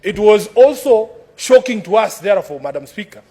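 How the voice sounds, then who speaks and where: A Kenyan man with a high-pitched voice speaks as an opposition senator in formal debate. His delivery is combative and declamatory, built on repeated formal addresses to the chair. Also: lively intonation, normal speed, dark tone. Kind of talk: formal parliamentary debate speech.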